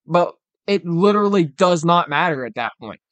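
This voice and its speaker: A man's voice: on the high side, expressive, moderate pace, a bit bright, no room sound. A young man co-hosting a casual sports podcast, analysing the game and often saying "like" and "literally". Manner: analytical, peppers talk with "like" and "literally". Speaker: podcast co-host.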